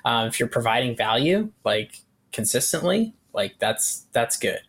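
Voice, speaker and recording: A man's voice: medium pitch, sing-song, moderate pace, gravelly, fairly bright tone, husky. A man giving casual, explanatory advice as an interview guest, talking conversationally and acting out little example lines. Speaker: guest email marketing expert.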